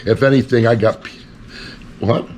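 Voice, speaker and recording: A man's voice: medium pitch, fairly even intonation, moderate pace, darkish tone. A man hosting a casual book chat, sarcastic and swearing offhandedly. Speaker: podcast host. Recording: faint background noise.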